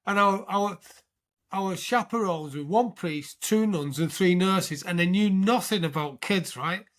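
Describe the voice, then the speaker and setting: A British man in his sixties, a veteran telling his life story as an interview guest, animated and often checking in with the listener. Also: high-pitched, measured pace. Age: 60s. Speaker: podcast guest, military veteran.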